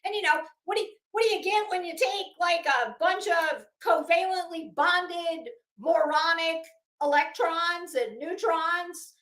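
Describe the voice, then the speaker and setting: A middle-aged woman hosts a mocking, dramatic commentary monologue, rambling sarcastically in a theatrical way. Her voice is very high and a bit bright, and she speaks a little slowly. The room is echoey.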